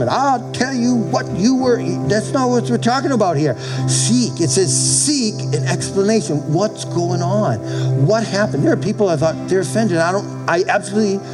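A man's voice: high-pitched, rough recording. A middle-aged man preaching a conversational church sermon as a pastor, folksy and emphatic, repeating phrases and prompting listeners for amens.

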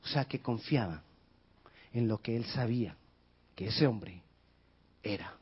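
A male pastor preaching a sermon with passion, rising to shouts and dropping to near whispers. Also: unhurried, breathy edge. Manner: impassioned, shouting in bursts then dropping low. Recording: dull lo-fi sound.

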